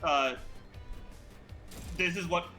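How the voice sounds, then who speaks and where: A man's voice: sits high, extremely slow, pushed and bright, soft background music. A man in casual chat on a voice call, his audio echoing as if he were in a cave while he tries to sort out his headphones. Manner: distracted, troubleshooting his headphones mid-talk. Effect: cave-like echo on his voice call audio.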